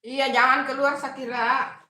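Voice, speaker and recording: Woman, live streamer, high voice, echoey kitchen, chatty and coaxing. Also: little pitch movement, normal speed. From Indonesia. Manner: chatty, reads viewer comments aloud, gently coaxing. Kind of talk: casual live-stream chat to viewers. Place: home kitchen.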